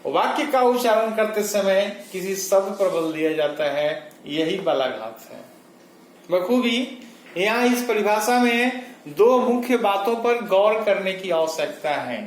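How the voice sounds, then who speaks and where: Slow, high-voiced man teaching grammar. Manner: slow, deliberate, repeats definitions for students. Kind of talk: explanatory grammar lesson. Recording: echoey room with faint noise.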